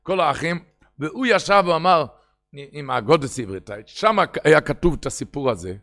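A man telling a story-based sermon, swinging between hushed asides and loud exclamations. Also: on the high side, lively intonation. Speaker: preacher.

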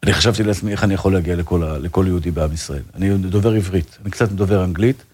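Male rabbi guest, slightly low voice, earnest and fervent, conversational. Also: a little mellow, breathy edge. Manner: earnest, fervent, full of religious phrases and restarts. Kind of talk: casual interview talk.

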